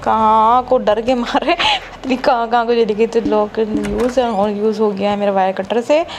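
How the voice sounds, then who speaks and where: A woman talks her way through a horror game in a casual, chatty stream. Her voice sits slightly high, and she teases the ghost with playful, mock-frightened asides. A faint hiss runs under the recording. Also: steady tone, moderate pace. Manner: chatty, teasing the ghost, mock-scared exclamations. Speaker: gaming streamer. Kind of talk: casual let's-play commentary.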